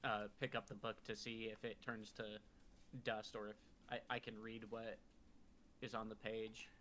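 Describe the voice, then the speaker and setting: A young man playing a tabletop game online, joking and asking the game master quick questions. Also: fairly low pitch, flat delivery, pushed and bright. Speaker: player. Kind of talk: casual game chat.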